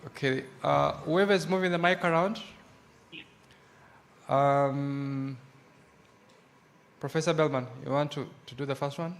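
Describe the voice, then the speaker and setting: A man's voice: a little high, fairly even intonation, a little slow, vocal fry, long pauses. A man moderating a conference session, steadily directing the room with short instructions, into a microphone in a conference hall. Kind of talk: chairing a conference Q&A.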